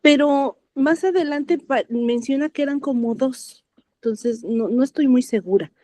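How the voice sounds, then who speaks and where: A woman's voice: high voice, unhurried, mellow, dry recording. A woman joining a Bible reading circle discussion, thinking aloud with hesitant fillers and correcting herself as she goes.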